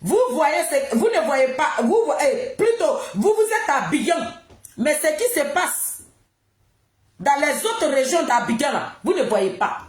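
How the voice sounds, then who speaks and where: A woman's voice: high-pitched, very animated, a little slow. A woman with an Ivorian accent delivering an impassioned political monologue, scolding and ranting as she repeats phrases for emphasis. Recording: roomy, echoing sound.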